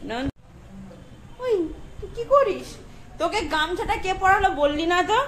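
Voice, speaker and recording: Brief: woman at home, sing-song coaxing baby talk, very high ringing voice. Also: expressive, normal speed, fairly bright tone, slight background noise. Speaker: mother playing with her toddler.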